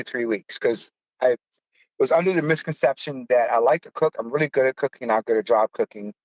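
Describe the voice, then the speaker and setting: A man in his fifties from the United States, a podcast host, tells a personal story in a casual, blunt, profane and self-mocking way. His voice is medium in pitch, with no echo, though the high frequencies are cut off.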